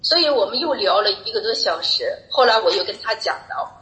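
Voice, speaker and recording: A woman's voice: mid-range voice, animated, a little fast, bright, forceful tone. A middle-aged woman giving a personal faith testimony, telling her story earnestly and repeating herself. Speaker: church member giving a testimony. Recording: echoey room.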